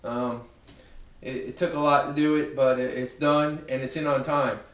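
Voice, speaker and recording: A man with a Brooklyn accent gives an informal amateur student presentation, halting and self-deprecating, often repeating his words. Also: medium pitch, fairly even intonation. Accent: Brooklyn, New York. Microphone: camcorder at a distance. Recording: echoey room, distant muffled camcorder microphone.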